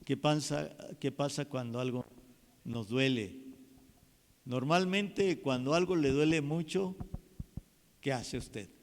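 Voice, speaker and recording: A man preaching a sermon as pastor, swinging from hushed passages to loud exclamations. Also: medium pitch, takes it slowly, pauses often, a little hiss or hum. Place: church hall. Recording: reverberant church hall.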